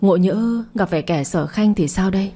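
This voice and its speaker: A woman's voice: mid-range voice, moderate pace, dark tone, a little hiss or hum, natural voice. A woman voicing a stern, worried middle-aged mother who presses her daughter with questions. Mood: demanding. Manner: questioning, scolding.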